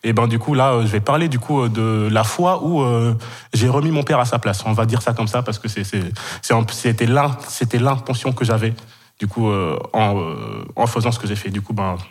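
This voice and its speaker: A man's voice: mid-range voice, brisk. Hesitant young man telling a story. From Senegal, raised in Kenya. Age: 20s. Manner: hesitant, many fillers and repeated words, laughs often. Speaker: podcast guest. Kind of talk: casual personal storytelling.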